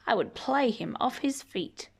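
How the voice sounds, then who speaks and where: A female storyteller gives an animated read-aloud for kids, full of playfulness and wide swings in pitch. She speaks slowly, with occasional creak, elongating words. Her emphasis is stretched out, and she pauses for side comments.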